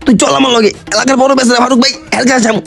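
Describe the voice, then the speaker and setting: Gravelly, fast, high-voiced comic man. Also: steady tone, a bit bright, soft background music. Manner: groaning, complaining, fast rough delivery. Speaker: comic actor. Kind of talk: slapstick comedy sketch.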